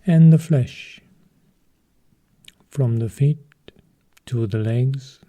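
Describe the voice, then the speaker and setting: A man with a medium-pitched voice guides a meditation as a teacher. He speaks calmly in short, measured phrases separated by long pauses.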